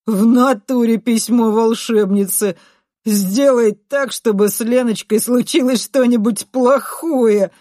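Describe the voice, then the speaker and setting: Crude schoolyard bully kid, slow drawl, dry sound, as a woman puts him on. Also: fairly high pitch, very animated, no echo, pitched above the performer's own voice. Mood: jeering. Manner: coarse, drawling slang.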